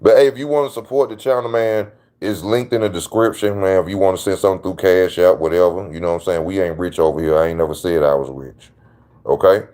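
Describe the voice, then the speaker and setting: A man's voice: low voice, fast talker, warm tone. A man hosting his own channel, giving casual opinion commentary in a slangy, emphatic way that repeats his points. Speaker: channel host.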